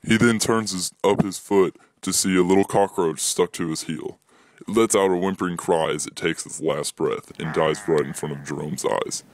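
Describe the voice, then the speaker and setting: Deep-voiced young man reading a story. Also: steady tone, moderate pace, dry recording. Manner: plain reading, voices dialogue with higher pitch. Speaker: student reading his own story. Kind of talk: reading a written story aloud.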